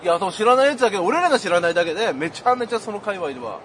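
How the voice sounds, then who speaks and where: A man's voice: high voice, sing-song, very fast, fairly bright tone, a little hiss or hum. A male comedian co-hosting a casual radio chat, teasing his partner with short replies and frequent laughs. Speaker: comedian co-host.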